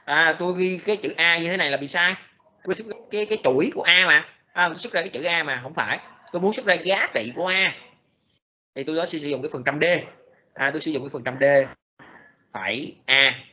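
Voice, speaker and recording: A male lecturer explains code slowly, filling pauses with hesitant sounds and restarting his sentences. His voice is bright and forceful, and the recording is dull and lo-fi. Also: on the high side. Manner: halting, many fillers and restarts. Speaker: programming lecturer.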